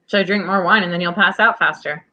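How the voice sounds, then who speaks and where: A woman's voice: fairly low pitch, fast, lo-fi sound. A young woman co-hosting a live podcast from home, chatting playfully and joking around. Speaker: podcast co-host. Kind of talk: casual chat on a live show.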